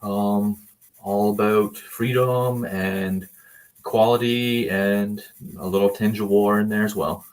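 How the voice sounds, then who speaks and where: A man's voice: on the low side, steady tone, slow pace. A young man from Canada, a band member guest, talking about his music in a laid-back, easygoing way with lots of filler words. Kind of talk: casual interview chat.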